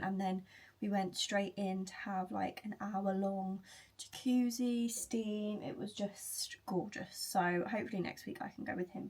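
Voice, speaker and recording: Young British woman vlogger, twenties, breezy filler-heavy chat recorded at home. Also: medium pitch. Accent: British English. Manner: chatty, frequent "like" fillers, upbeat. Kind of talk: casual vlog chat. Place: home, indoors.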